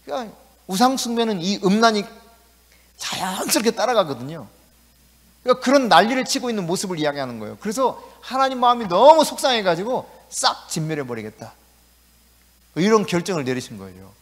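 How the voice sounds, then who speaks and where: Animated preacher in a ringing church. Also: male voice, high-pitched, fast. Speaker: pastor. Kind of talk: sermon. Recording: echoey church hall.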